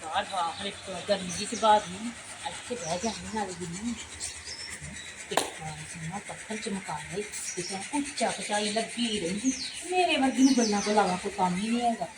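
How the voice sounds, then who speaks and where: A woman's voice: mid-range voice, fairly quick, close to an everyday voice. A woman playing a chatty, nosy village neighbour in a comedy skit, with a Punjabi accent and a prying, nagging way of talking. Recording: echoey, noisy home video sound.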